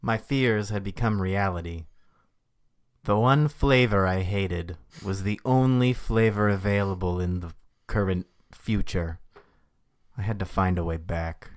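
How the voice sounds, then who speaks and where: A man co-hosting a comedy podcast, narrating an improvised story in a deadpan way. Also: deep voice, unhurried.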